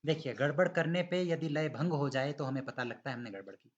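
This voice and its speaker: Man, online class teacher, patient, demonstrates lines slowly. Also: medium pitch, highs cut off, a little hiss or hum. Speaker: Sanskrit pronunciation teacher. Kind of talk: online class correcting students.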